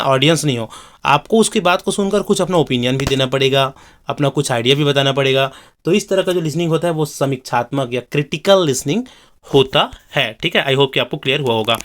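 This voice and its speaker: In this exam-prep class, the male lecturer explains in Hindi and reads the English definitions at a slow pace, pausing frequently to check in and dropping fillers along the way. His pitch sits on the higher side, with a fairly bright tone.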